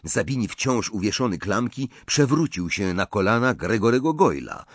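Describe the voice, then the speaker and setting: A man narrating an audiobook in an expressive, animated reading style. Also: lowish voice, moderate pace, no echo. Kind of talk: storybook narration.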